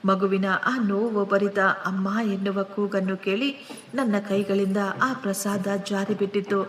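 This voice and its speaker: A woman narrating a family story in the first person, in an earnest, emotional way. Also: medium pitch. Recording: roomy, distant mic with faint hiss.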